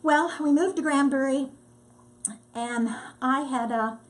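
An older woman, a disaster relief volunteer, telling her story in a lively, casual way and acting out what people said. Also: high voice, slow. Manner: lively storyteller, acts out quotes. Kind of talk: casual testimony.

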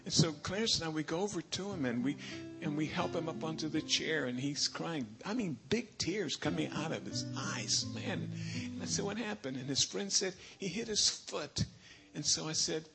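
A man preaching a sermon, telling personal stories in an animated way with chuckles between lines. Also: on the high side, moderate pace, creaky, few pauses. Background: guitar music.

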